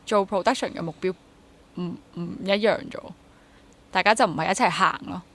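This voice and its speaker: Her voice mid-range, a bit bright and slightly quick, a Hong Kong Cantonese-accented woman in her twenties speaks casually as an interview guest. A freelance actor and drama teacher, she muses and reworks her phrasing mid-thought, dropping in English words.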